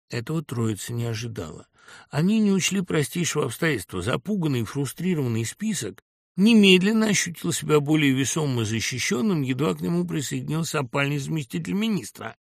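A man reading a novel aloud in an expressive, lively storytelling manner. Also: mid-range voice, no echo, studio quality. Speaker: reader of a novel.

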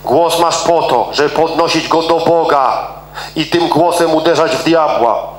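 Middle-aged male preacher, emphatic, repeats key words; slightly higher voice, echoey church hall. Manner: emphatic, repeats words for stress, swings from fast to slow. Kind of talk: sermon.

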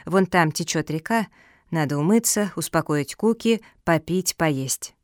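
A woman voicing a gentle male dog in a children's audiobook, soft and coaxing. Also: sits low, measured pace, no room sound, studio quality.

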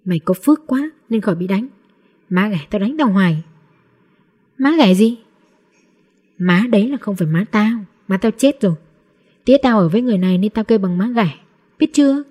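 A cheeky, hungry street boy, rude and defiant, as a woman puts him on in a storybook reading. The voice sits dark and mellow with a husky edge, and jumps up higher when he snaps back. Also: expressive, fairly quick, pauses often. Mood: confiding.

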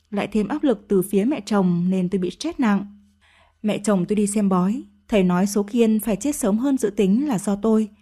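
A woman narrating a first-person audio story with a mellow, warm tone. Her delivery is steady and emotive, at a middling pitch.

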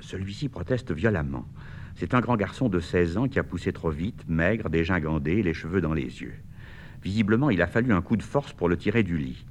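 A man reads the stage directions of his own play in a quiet, measured way. His voice is lowish, yet its pitch moves a lot. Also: expressive, slight background noise.

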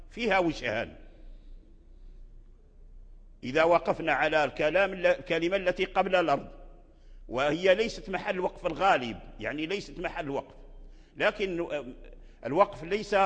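A man with a slightly high voice gives a slow, deliberate lesson, breaking off and restarting as he explains. He repeats words several times to demonstrate how they are pronounced. The sound is dull and lo-fi, with a long reverb as if recorded in a hall. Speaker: sheikh teaching recitation. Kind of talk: lesson explaining a recitation poem.

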